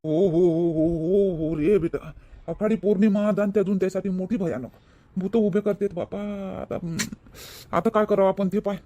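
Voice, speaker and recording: Brief: man as an anxious village granddad, high voice, fussing and easily scared. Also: fairly even intonation, normal speed, warm tone, lightly acted. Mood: alarmed. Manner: fussing, questioning, easily alarmed. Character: worried old village grandfather. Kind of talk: village comedy sketch acting.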